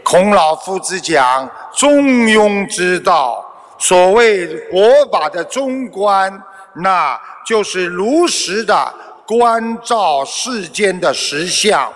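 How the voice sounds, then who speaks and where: Male Buddhist teacher, measured sermon delivery, slightly high voice. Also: lively intonation, a bit bright, in a large hall. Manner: slow, measured, preaching. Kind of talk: sermon with a told parable.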